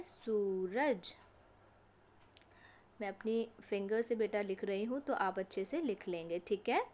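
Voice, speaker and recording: A woman teacher giving an online lesson to young children. She reads words slowly, one at a time, and asks questions that she answers herself. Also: mid-range voice. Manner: slow, drawn-out word-by-word reading for children. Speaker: school teacher.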